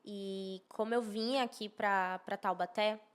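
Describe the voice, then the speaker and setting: A woman from Maceió, in northeastern Brazil, who works in architecture and social media, speaks as a podcast guest in a medium-pitched, steady, clean voice, a little slowly. She explains things conversationally, with emphasis, repeating key phrases.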